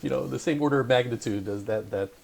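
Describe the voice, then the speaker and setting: A man's voice: mid-range voice, fast talker, gravelly, a little mellow, a little hiss or hum. A man hosting a remote interview, chatty and hesitant with many "um"s, laughing often. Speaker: interview host.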